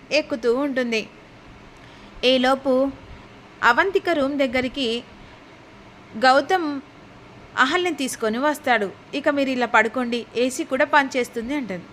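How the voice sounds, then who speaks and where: A woman narrating a recap of a TV serial in a lively, dramatic storytelling way. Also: sits high, a little hiss or hum.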